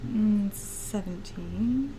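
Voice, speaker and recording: A woman's voice: mid-range voice, drawn-out words, vocal fry, heavy background noise. A woman playing a tabletop game, casual and laughing at times. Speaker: player.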